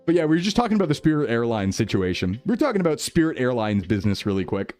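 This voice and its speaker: A man's voice: mid-range voice, sing-song, very fast, darkish tone. A male VTuber chatting casually with his stream viewers, playful and jokey, heard through livestream headset mic audio. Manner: playful, jokey, laughing often.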